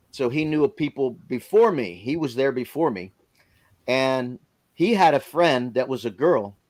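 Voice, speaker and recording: A man casually telling a personal story on a live stream, in plain informal speech. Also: mid-range voice. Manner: lively storyteller who acts out others' lines.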